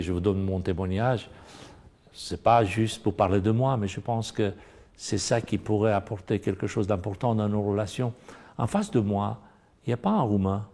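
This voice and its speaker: A man's voice: lowish voice, vocal fry, dark tone. A middle-aged man with a Romanian accent, earnestly discussing a Bible lesson and pressing hard on key points. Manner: earnest, rising to emphatic stress. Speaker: panelist in a Bible study discussion.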